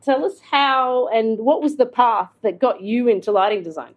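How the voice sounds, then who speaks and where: A woman's voice: fairly high pitch, moderate pace, muffled recording. A woman co-hosting a podcast, introducing a guest and responding with enthusiastic encouragement. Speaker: podcast co-host. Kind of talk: reading a guest bio, then chatting.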